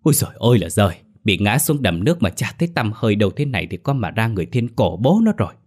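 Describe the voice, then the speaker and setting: A gossiping village auntie, as a man puts her on laments to the crowd in a voice. The voice stays low, close to the teller's own, in a spoken ghost story. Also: very animated, fast talker, darkish tone. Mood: gossipy lament. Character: gossiping middle-aged village woman.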